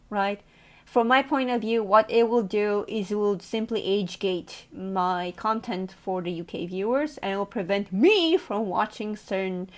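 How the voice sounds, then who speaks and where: A woman streamer chatting casually with her viewers, playful and teasing, laughing often. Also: mid-range voice.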